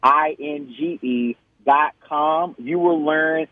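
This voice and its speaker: Earnest candidate on a phone line. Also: male voice, a little high, no echo. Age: 30s. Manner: measured, spells things out slowly, earnest. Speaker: political candidate, guest.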